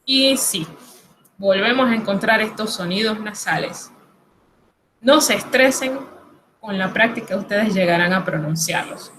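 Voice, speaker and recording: Slow, patient woman teaching pronunciation. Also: medium pitch, background noise. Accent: Latin American Spanish. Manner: patient, reassuring, explains step by step. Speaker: French teacher. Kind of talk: recorded lesson explaining pronunciation.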